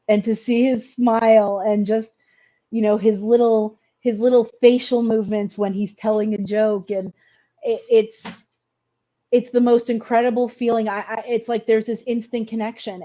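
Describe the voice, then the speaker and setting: Middle-aged woman, soft dark tone, earnest hesitant storytelling, interview guest, slightly dull recording. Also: mid-range voice.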